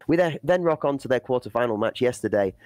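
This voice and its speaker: A man's voice: mid-range voice, animated, fast, a little mellow, no echo. A man commentating an esports playoff, breaking down play and building hype for the chat. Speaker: esports caster.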